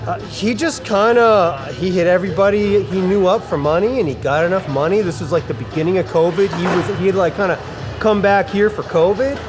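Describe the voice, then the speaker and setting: A man's voice: sits high, fairly quick. A middle-aged man being interviewed in a casual chat, rambling in laid-back skater slang. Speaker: guest, skate park builder. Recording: music playing behind the voice.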